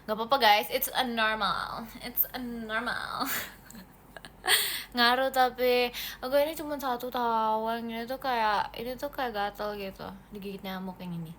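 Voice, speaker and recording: Bright, playful young woman chatting live. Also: on the high side, a little hiss or hum. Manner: playful and teasing, mixes in English words. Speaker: idol livestreaming to fans. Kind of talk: casual live chat, reading fan comments aloud.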